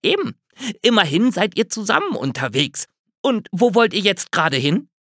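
A man doing an excited little squirrel. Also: high-pitched, moderate pace, no room sound, studio quality, pitched above the performer's own voice, heavily acted. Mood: eager. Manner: excitable, bright questioning. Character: curious eager little male squirrel. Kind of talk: children's storybook reading.

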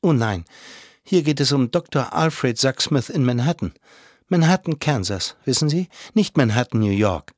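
A man's voice: mid-range voice, lively intonation, moderate pace, no echo, clean studio sound, lightly acted. A man voicing a prim, guarded young woman from a small town in an audiobook, speaking in a wary, careful way. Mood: insistent. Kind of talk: audiobook character voice.

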